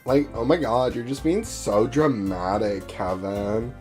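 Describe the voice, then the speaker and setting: A man's voice: medium pitch, a little slow, darkish tone, faint music behind. A man co-hosting a game stream, teasing his partner playfully and laughing often. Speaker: co-host playing the game. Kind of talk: casual gaming stream chat.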